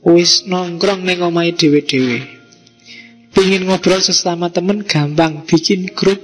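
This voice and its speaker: A man's voice: high voice, a little slow. A man with a Javanese accent giving a casual, teasing philosophy lecture to a live audience, full of rhetorical questions and local slang. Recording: hall reverb with faint music.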